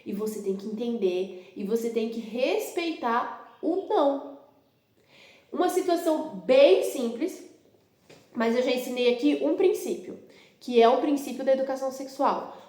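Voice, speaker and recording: A woman's voice: sits high, unhurried. Brazilian woman teaching in a roomy space. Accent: Brazilian Portuguese. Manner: calm explanatory, acts out parent-child dialogues. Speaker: parenting educator. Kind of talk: instructional video. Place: her home. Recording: roomy echo.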